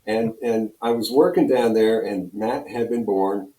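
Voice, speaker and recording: An older man from Pennsylvania, a radio program director and personality, tells stories as an interview guest in a low, dark, unhurried voice. His delivery is rambling and conversational, full of "you know," and he sits away from the mic in a roomy, echoing space.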